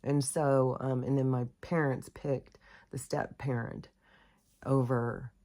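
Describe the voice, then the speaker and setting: A woman's voice: a bass voice, level tone, slow, dark tone. A middle-aged woman from the United States telling a personal story in a rambling, candid way, full of fillers and self-corrections. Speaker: host. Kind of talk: casual storytelling monologue.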